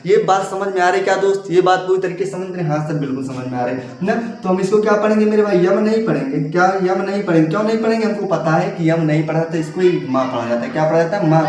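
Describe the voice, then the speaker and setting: A man's voice: high voice, fast talker, hardly any pauses, darkish tone, distant mic. A man teaching English letter sounds, who keeps asking questions and answering them himself and calls his viewers brother. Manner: repetitive, asks and answers his own questions. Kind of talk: classroom lesson. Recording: very echoey room, voice away from mic.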